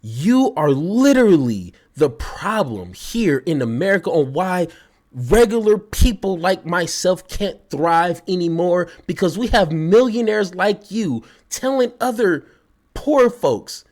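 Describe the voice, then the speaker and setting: A man's voice: high-pitched, a little mellow. A man giving an angry reaction commentary, heated and mocking, stumbling over his words when worked up.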